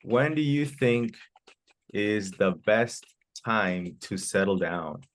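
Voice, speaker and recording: Man, very low voice, english teacher, encouraging, repeats answers. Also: expressive, takes it slowly, a little hiss or hum. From United States. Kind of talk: online class Q&A.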